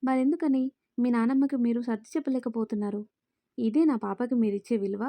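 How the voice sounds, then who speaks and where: A woman's voice: fairly high pitch, fairly even intonation, fairly quick, mellow, no echo, natural voice. A woman voicing an earnest, outspoken young woman who speaks up firmly for a little girl in a spoken storybook.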